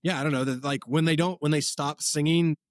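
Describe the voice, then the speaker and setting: A man in his forties, a podcast guest, chatting casually and telling rambling, animated stories. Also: a little high, brisk, dry recording, clean studio sound. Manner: rambling, animated storytelling with many filler words. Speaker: podcast guest, comedy content creator. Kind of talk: casual chat.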